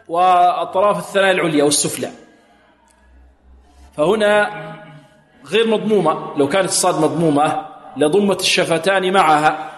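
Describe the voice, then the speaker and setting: A man teaching Quranic recitation rules. He asks questions, answers them himself, and chants slow, drawn-out examples. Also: high voice. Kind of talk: tajweed lesson with recited examples. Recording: echoey hall recording.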